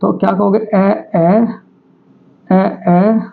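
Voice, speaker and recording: A man's voice: high voice, steady tone, extremely slow, creaky. A male teacher giving an online exam-prep class, who asks students questions and repeats each answer. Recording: tinny phone-like audio.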